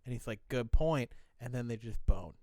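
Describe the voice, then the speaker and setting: A man chatting on a podcast, retelling a show with lively acted-out quotes. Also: medium pitch, moderate pace, no echo. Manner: animated storyteller, acts out quoted voices. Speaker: comedian guest. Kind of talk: casual podcast chat, retelling a story.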